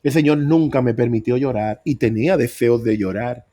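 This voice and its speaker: A man's voice: mid-range voice, normal speed, warm tone. A middle-aged man preaching, telling his own story with earnest emphasis. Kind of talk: sermon testimony.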